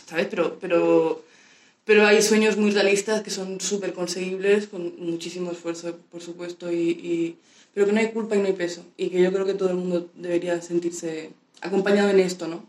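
A woman's voice: fairly low pitch, steady tone, fairly quick, darkish tone. A woman from muses thoughtfully as a guest, letting her sentences drift off unfinished. Her voice carries a noticeable echo, as if she is recorded in a bare room. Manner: reflective, trailing off. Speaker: musician guest. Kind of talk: casual interview chat. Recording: roomy echo.

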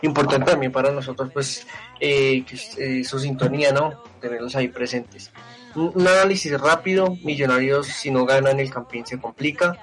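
Male sports show host, middle pitch, hesitant conversational delivery, remote setup, light music under him. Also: fairly bright tone. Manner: conversational, hesitant, with frequent pauses and restarts. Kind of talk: casual sports analysis and show sign-off. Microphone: remote connection from home.

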